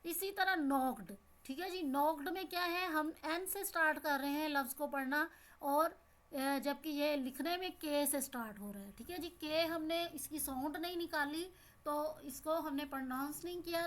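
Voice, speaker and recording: A woman's voice: high voice, moderate pace. A woman with a Pakistani Urdu accent, explaining an English lesson to young pupils. She asks the class questions and repeats each word. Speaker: teacher.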